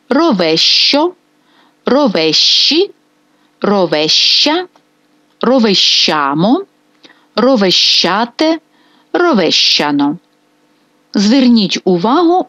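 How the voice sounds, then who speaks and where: Slow, lively-voiced woman teacher. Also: medium pitch, no echo, muffled recording. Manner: slow, careful drilling of verb forms. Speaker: Italian language teacher. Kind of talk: video grammar lesson.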